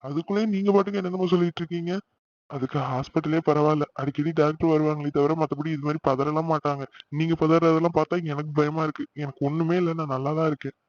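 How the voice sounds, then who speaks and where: A man voicing a young husband just home from hospital in a cartoon, reassuring but quickly exasperated by fuss. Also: fairly high pitch, steady tone, a little mellow, dry recording, close to an everyday voice. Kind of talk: cartoon voice acting. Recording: dull lo-fi recording.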